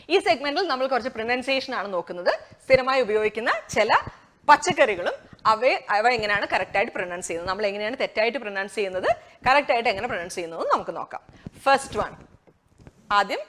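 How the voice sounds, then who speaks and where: A woman with a Malayali accent giving a chatty English lesson, laughing between explanations and slowing right down to model each word and sentence. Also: medium pitch, fairly bright tone. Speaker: English teacher. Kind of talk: casual spoken English lesson.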